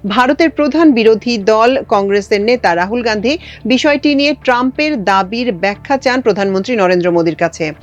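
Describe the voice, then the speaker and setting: A woman presenting international news, reading a script in a measured, formal way. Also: a little high. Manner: measured formal newsreader delivery.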